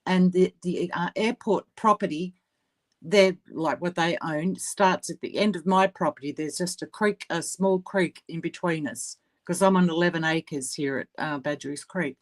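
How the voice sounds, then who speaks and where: Rambling Australian woman, lower voice. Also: normal speed. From Australia, Sydney. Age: older. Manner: rambling, searches for words. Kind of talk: casual live-stream chat.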